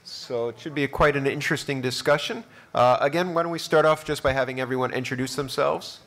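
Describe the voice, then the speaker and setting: A man moderating a conference panel in a relaxed, conversational way. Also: mid-range voice, quick pace.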